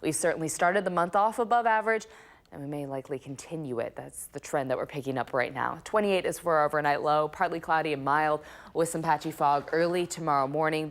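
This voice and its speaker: A woman TV weather forecaster giving a live report and chatting upbeat with the anchors. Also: low-pitched.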